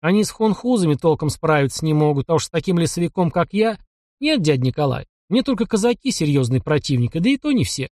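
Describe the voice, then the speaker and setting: A man's voice: on the high side, very animated, quick pace, a little mellow, no room sound, studio quality. A man voicing a cocky young taiga hunter. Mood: scheming. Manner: mocking, cocky and cunning. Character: young bold taiga hunter, sly and defiant.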